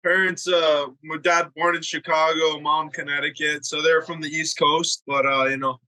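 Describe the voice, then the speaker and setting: Male guest from Hawaii, bright slightly high voice, easygoing. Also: level tone, normal speed, poor audio. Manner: brief, easygoing replies. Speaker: guest fight analyst. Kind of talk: casual interview answers.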